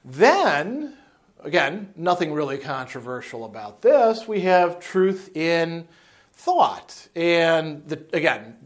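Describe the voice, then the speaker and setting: A man in his fifties giving an animated, unscripted philosophy lecture in front of a chalkboard, with asides and restarts, on a lapel mic. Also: fairly high pitch. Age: 50s. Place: indoor room in front of a chalkboard.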